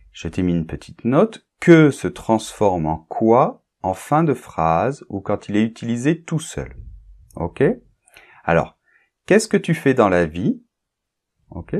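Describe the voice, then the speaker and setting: Patient male French teacher, unhurried delivery, lively up-and-down pitch, keeps checking in with the student. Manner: patient, often checks understanding with "d'accord?"; speaks directly to one learner, reads example sentences aloud. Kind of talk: grammar lesson for learners.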